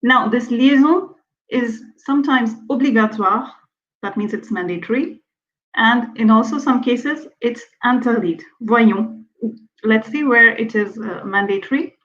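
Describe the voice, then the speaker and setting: Slow, careful Indian woman teaching French. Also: fairly high pitch, fairly bright tone. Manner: repeats example words slowly and clearly. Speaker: French pronunciation trainer. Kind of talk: online language lesson alternating French and English. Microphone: online webinar audio. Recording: dull lo-fi webinar audio.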